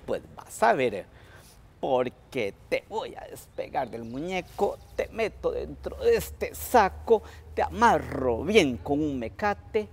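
A man's voice: fairly high pitch, sing-song, slow, vocal fry, exaggerated voice. A man voicing a cranky old woman cook from a folk tale who threatens and scolds. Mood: threatening.

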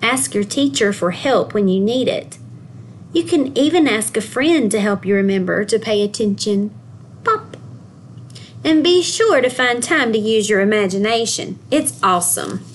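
A school guidance counselor with a medium-pitched voice reads a picture book aloud to young children with plenty of expression. She pauses to ask them questions, and there's slight background noise.

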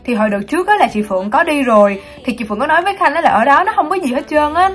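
A woman's voice: high-pitched, animated, very fast. A young woman with a Southern Vietnamese accent, chatting enthusiastically to viewers in a casual travel vlog while filming herself at arm's length. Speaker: vlogger. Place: outdoor shopping mall and shops. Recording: music playing under the voice. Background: background music.

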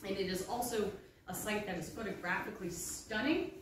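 Here a maritime archaeologist in her thirties chats amiably with her audience during a public slide lecture, handheld mic in hand, inside a library room with bookshelves. Her voice is mid-range and a bit quick, carrying a faint hiss or hum. The recording picks her up from a distance in a very reverberant space.

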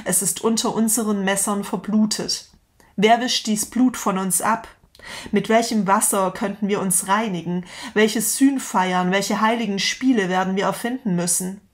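A woman's voice: medium pitch, lightly acted. A woman voicing a frantic prophetic madman, declaiming a long chain of passionate questions. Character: frantic grown man, a prophetic madman with lantern.

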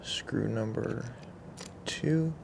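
A young man talking himself through a carburetor rebuild in a relaxed, muttering way. His voice sits at an everyday middle pitch. It is caught on a camera mic outdoors, with faint noise behind him. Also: drawn-out words, creaky. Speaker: vlogger working on a carburetor. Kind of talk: casual running commentary while working. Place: outdoor workshop table beside a truck.

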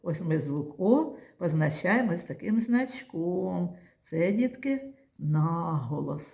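A woman teaching young children, speaking in a slow, patient, coaxing way. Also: lowish voice, animated, gravelly, dark tone, roomy sound. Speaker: primary school teacher. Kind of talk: classroom lesson for young children. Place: classroom.

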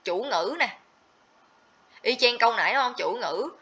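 A woman's voice: a little high, expressive, moderate pace, pushed and bright, husky. A woman teaching a livestream grammar lesson, explaining step by step and checking in with students often. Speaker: TOEIC teacher. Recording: slightly dull lo-fi audio.

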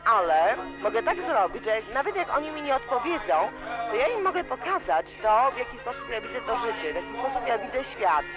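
A woman's voice: a little high, very animated, fairly quick. A woman in her twenties giving a rambling, emotional party interview, heard on old worn tape. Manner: rambling, emotional, keeps saying "you know". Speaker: student radio interviewee. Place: student club during a party. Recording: dull lo-fi old cassette tape. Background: loud music.

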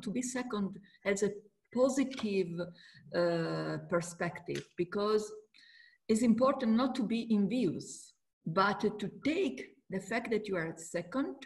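A middle-aged woman with an Italian accent, a musician speaking on a panel video call in halting non-native English. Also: medium pitch, gravelly, darkish tone, slight background noise. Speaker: musician and flute teacher on a panel. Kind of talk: panel discussion. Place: indoor room on a video call.

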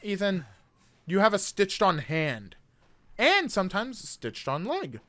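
A man's voice: high voice, huge pitch swings, unhurried, fairly bright tone, dry recording. A man in his twenties giving jokey, nervous, casually profane commentary as he streams a scary video game, close to a desktop microphone. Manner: nervous, jokey reactions to scares. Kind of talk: live horror game commentary. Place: indoor gaming room.

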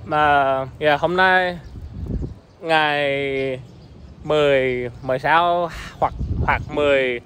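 This walking-vlog clip features a man in his twenties, an English native speaker, with a fairly high, fairly bright voice, taking his time in halting, foreign-accented learner's Vietnamese and repeating words as he gropes for them. He is outside between apartment buildings, phone held at arm's length. Wind and clear background noise come through.

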